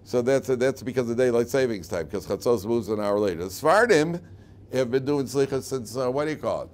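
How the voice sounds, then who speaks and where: A man's voice: medium pitch, lively intonation, fairly quick, darkish tone. A man speaking as a rabbi giving an informal Torah lesson, emphatic and questioning, repeating key phrases and often answering his own questions. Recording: clearly noisy room recording.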